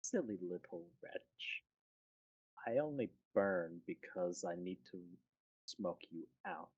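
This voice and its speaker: A woman's voice: very deep voice, expressive, takes it slowly, a little mellow, husky, muffled recording, voice pushed down, exaggerated voice. Woman playing a gloating, menacing old-hag villainess. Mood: contemptuous menace. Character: gloating, contemptuous female villain with a witchy horse laugh.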